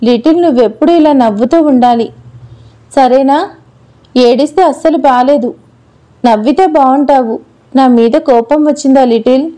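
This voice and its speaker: A woman's voice: high voice, moderate pace, pauses often, warm tone, close to an everyday voice. A woman reading the lines of a playful grown man who teases and coaxes a little girl in a storybook. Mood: coaxing. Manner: teasing, coaxing.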